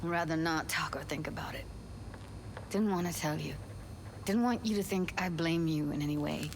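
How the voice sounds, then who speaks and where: Weary young diver, tender, guarded, lowish pitch, video game drama, noisy ambient backdrop. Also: female voice, moderate pace. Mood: downcast, guarded.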